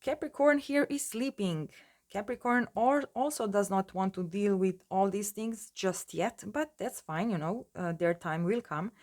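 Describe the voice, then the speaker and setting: A woman's voice: mid-range voice, measured pace, hardly any pauses, darkish tone. A woman giving a casual tarot reading in her just-woken morning voice, rambling with many fillers and restarts. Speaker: tarot reader.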